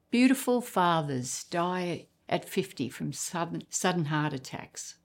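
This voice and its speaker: A woman preacher delivering a sermon, emphatic, with dramatic pauses and repeated words. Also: lowish voice, darkish tone.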